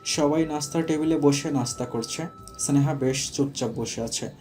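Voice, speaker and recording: A man narrating a romantic audio story in a steady storytelling manner. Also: fairly high pitch, moderate pace, faint music behind.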